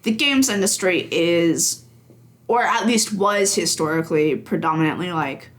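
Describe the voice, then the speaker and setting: This woman, a twenty-something games journalist guesting on the show, talks at a measured pace in a lowish voice. The conversation is casual, full of fillers and punctuated often by her laughter.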